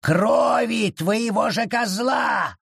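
A man voicing a small, hostile wild forest creature that growls and shouts spiteful threats in an audiobook. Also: high-pitched, slow, no room sound, clean studio sound, pitched above the performer's own voice, exaggerated voice. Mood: raging. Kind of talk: audiobook character voice.

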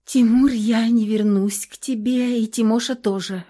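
A woman's voice: fairly high pitch, fairly even intonation, measured pace, warm tone. A woman voicing a frightened young wife in an audiobook, speaking in a trembling, pleading way. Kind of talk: audiobook character reading.

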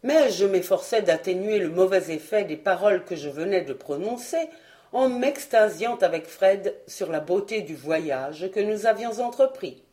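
A woman's voice: mid-range voice, expressive, moderate pace, dark tone. A woman reading a novel aloud as an audiobook, narrating expressively in the first person. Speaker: audiobook reader.

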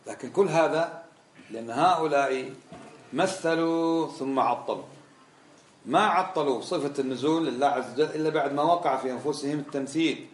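A man's voice: mid-range voice, roomy sound, a little hiss or hum. A man teaching a religious lesson, emphatic and full of rhetorical questions. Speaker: Islamic scholar teaching a lesson.

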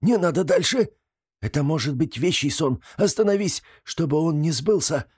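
A man's voice: mid-range voice, animated, measured pace, a little mellow. Man doing a whiny superstitious gremlin. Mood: frightened pleading. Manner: whiny, pleading and indignant.

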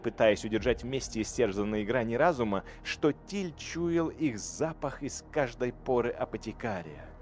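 A man's voice: mid-range voice, darkish tone, a little hiss or hum. Dramatic male audiobook narrator. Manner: dramatic, swelling on violent passages.

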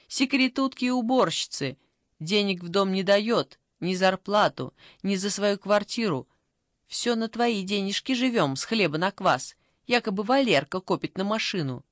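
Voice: medium pitch, fairly bright tone, dry recording, studio quality. The narrator voicing a coarse, scheming old mother who rants with scorn in an audiobook. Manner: rough, scornful ranting. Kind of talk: audiobook character voice.

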